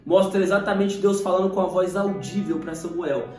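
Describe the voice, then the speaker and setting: A young man with a Brazilian Portuguese accent giving a casual, animated sermon to camera, acting out Bible scenes. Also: high voice, moderate pace, far from the mic. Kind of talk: casual preaching video. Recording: echoey room, voice off-mic, faint music.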